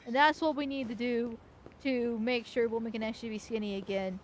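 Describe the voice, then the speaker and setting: A woman's voice: fairly high pitch, steady tone, fairly quick, slight background noise. A woman streaming a game with casual commentary, blunt, crude and irreverent.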